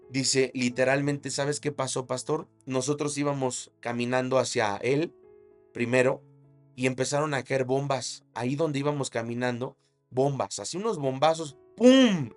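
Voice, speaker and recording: A male pastor preaching a sermon, telling a story with dramatic emphasis and shouted sound effects. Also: medium pitch.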